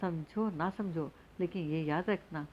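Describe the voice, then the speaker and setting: A playful young fiancé in a read-aloud novel, voiced by a woman in her own low-ish voice. He coaxes and teases gently. The recording is a bit dull with a faint hiss behind it. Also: measured pace, natural voice. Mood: teasing. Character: young man, teasing and affectionate fiancé.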